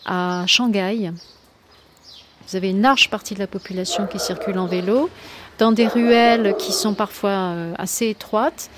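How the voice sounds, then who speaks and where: A woman with a mid-range voice speaks in a reflective interview monologue. She searches thoughtfully for words and repeats phrases for emphasis, with clear ambient noise behind her. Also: medium pitch, fairly even intonation, normal speed. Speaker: interviewed poet and flight attendant.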